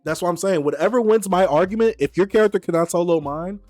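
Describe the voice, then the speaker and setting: A man hosting a live stream, chatting casually, animated and argumentative, often repeating himself. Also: high-pitched, fast, soft background music. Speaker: streamer host.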